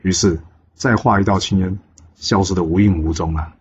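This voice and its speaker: A man telling a legend in a lively way, with exclamations and drawn-out filler particles. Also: low-pitched, slightly rough. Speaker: storyteller. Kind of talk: oral storytelling of a legend. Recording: dull lo-fi recording.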